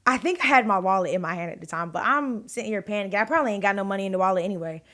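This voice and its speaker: A woman's voice: medium pitch, rapid-fire. Young woman telling a dramatic storytime. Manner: animated, many fillers, acts out quotes in a raised voice. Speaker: vlogger. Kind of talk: storytime, casual retelling.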